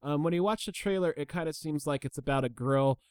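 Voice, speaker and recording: A man's voice: fairly high pitch, brisk, a little mellow, clean tone, dry recording, studio quality. A man hosting a casual movie review chat, asking eager questions and repeating words as he restarts.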